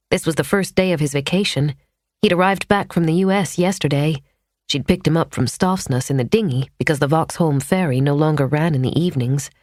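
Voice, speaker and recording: Low-voiced woman narrating a thriller. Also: a little mellow, no echo. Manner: measured, tense storytelling. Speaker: audiobook narrator. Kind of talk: scripted narration. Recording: dry studio audiobook.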